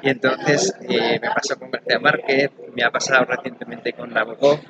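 A man's voice: mid-range voice, level tone, normal speed, lo-fi sound, over a noisy crowd. A man from Madrid with a Madrid Spanish accent, a novelist guest who talks thoughtfully and enthusiastically about his book. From Madrid, Spain. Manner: thoughtful, enthusiastic, explains at length. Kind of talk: conversational interview.

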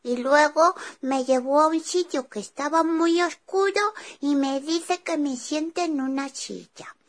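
A woman's voice: sits high, measured pace. A woman voicing a cheerful, chatty young boy who retells his day eagerly, stumbling over restarts in a children's show. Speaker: child character telling a story.

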